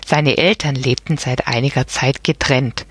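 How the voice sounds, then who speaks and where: A woman narrating a children's story in a calm, even way. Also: extremely low pitch, unhurried, slightly rough. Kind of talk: audiobook reading of a children's story.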